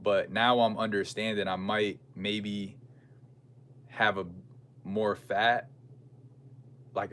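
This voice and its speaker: Low-voiced American man chatting casually. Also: a bit bright. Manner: slangy, musing, conversational. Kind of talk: casual livestream chat, reading and answering viewer comments. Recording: clear background noise and ambience.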